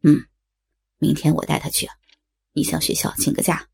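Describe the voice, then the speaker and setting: A woman voicing a remorseful middle-aged father in a low, flat, muted voice. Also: moderate pace, gravelly, husky, full character voice. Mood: subdued.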